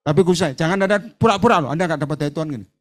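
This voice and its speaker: A man's voice: fairly high pitch, rapid-fire. A middle-aged man preaching a sermon in a church hall, acting out both sides of conversations and mixing in words. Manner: mixes Javanese words into his talk. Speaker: evangelist preacher.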